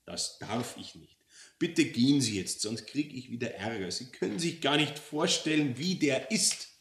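A man's voice: medium pitch, lively intonation, moderate pace, fairly bright tone, pitched above the performer's own voice. A man voicing a meek, harried male devil who works as a rule-bound clerk, reading a story aloud. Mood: pleading. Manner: pleading, apologetic, fussy about rules. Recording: roomy echo.

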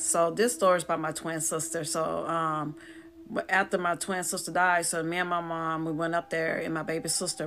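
Woman telling a story. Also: sits low. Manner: emotional, animated, gets loud when retelling. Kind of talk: casual spoken storytime.

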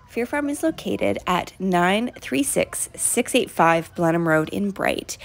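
A woman, chatting upbeat into a phone held at arm's length outdoors at night. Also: fairly low pitch. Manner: chatty, upbeat selfie commentary. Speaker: real estate vlogger. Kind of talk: casual vlog tour. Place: outdoors at night at a farm attraction.

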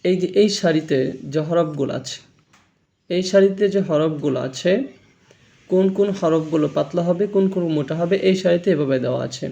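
A man's voice: a little high, a little fast, creaky, mellow. A man teaching a Quran reading lesson, explaining how letters are pronounced and repeating each sound for learners to copy. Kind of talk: slow spoken lesson on letter pronunciation.

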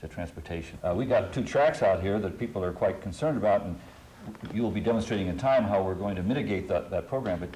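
A man moderating a studio panel, asking halting questions full of fillers. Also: sits low, mellow, slight background noise. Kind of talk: panel discussion.

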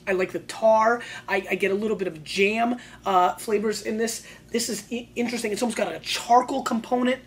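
A woman's voice: a little high, fairly even intonation, brisk, few pauses, slight background noise. A woman hosting a wine show, giving sommelier-style tasting notes in a colloquial, emphatic way and repeating phrases for emphasis.

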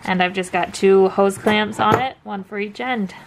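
Heavy background noise surrounds this young adult vlogger as she explains plumbing steps for her bus conversion from inside the bus. Her voice is medium-pitched with fairly even intonation at normal speed, and her practical, step-by-step how-to is dotted with frequent ums.

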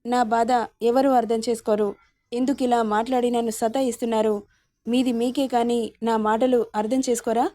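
A woman's voice: on the high side, little pitch movement, normal speed, warm tone, no room sound, natural voice. A woman voicing a hurt, fiery young wife who speaks in a pleading, reproachful way. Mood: upset.

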